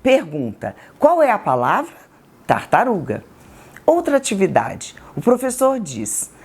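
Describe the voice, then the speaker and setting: A woman with a Brazilian Portuguese accent, a textbook author explaining literacy activities slowly and deliberately. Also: on the high side, a little mellow. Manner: slow, deliberate, syllable-by-syllable examples. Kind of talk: educational explainer.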